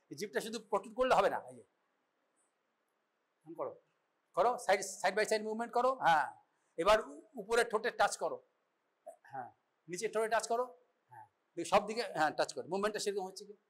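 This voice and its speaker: Animated and fast-talking, a man with a high, fairly bright voice pauses often as he lectures at a medical college. He demonstrates an exam for the class and repeatedly checks that students understand.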